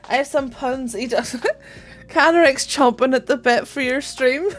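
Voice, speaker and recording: A young woman streaming a game, chatting casually, swearing freely and squealing when excited. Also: sits high, unhurried, soft background music. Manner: bubbly, swears freely, greets chat warmly. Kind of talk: casual gaming stream chat.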